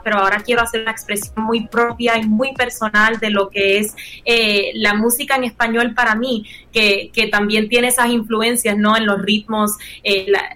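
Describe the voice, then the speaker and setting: Slightly high with a sharp tone, this young woman's voice carries a Puerto Rican accent, though English is her first language. Originally from Puerto Rico, she's a singer-songwriter guest on a casual radio interview, speaking with earnestness and expression.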